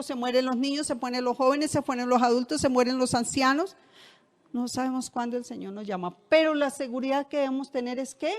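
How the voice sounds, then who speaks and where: A middle-aged woman pastor, preaching a sermon in a conversational way and asking the congregation rhetorical questions. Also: high-pitched. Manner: conversational, shares personal anecdotes.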